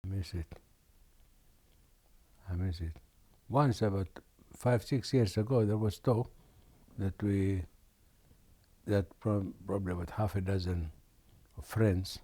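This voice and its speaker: An older man from Aden, Yemen, slowly recalls memories during an oral history interview, pausing and restarting often. His voice is low-pitched, mellow and husky.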